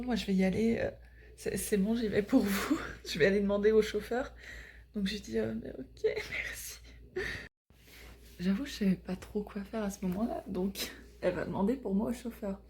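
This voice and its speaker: Chatty French woman with a mellow voice. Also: mid-range voice. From France. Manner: chatty, rambling storytelling with frequent fillers. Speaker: travel vlogger. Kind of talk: casual travel vlog chat and storytelling.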